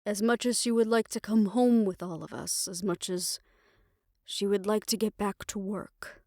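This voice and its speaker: This is an intimate scripted monologue from a fantasy audio roleplay: a woman, lightly acted, portrays a tender and world-weary lover. Her mid-range voice keeps a fairly even intonation, measured and reflective, resigned, with formal wording and soft hushed moments, recorded at studio quality with no echo.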